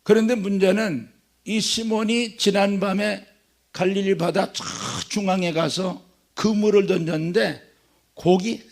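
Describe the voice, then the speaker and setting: A man's voice: sits high, a little slow, gravelly. A man preaching a sermon at a church revival meeting, telling stories with jokes. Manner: joking, animated storytelling.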